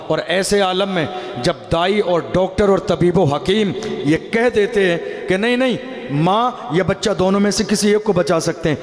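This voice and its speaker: A man from India, a mufti, preaching a sermon to a gathering, telling a story with emphatic rhetorical questions. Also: high voice. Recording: echoey hall reverb.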